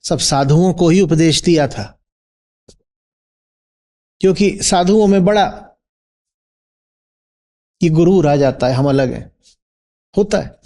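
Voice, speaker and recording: Gravelly man giving a spiritual discourse. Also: on the high side, takes it slowly, pauses often, mellow. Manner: rhetorical questions, checks listeners with "hmm?". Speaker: spiritual teacher.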